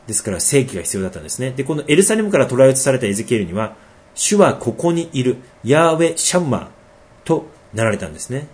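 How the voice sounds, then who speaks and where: A middle-aged man preaching a sermon, reading verses slowly and then explaining them in a conversational tone. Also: mid-range voice, big pitch swings, darkish tone. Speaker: pastor.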